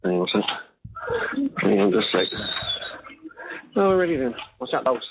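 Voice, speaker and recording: Gravelly man on a payphone call. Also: medium pitch, wildly swooping pitch, measured pace. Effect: heard over a jail payphone call line. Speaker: family member on a call with a jailed relative. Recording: tinny phone line with faint hiss.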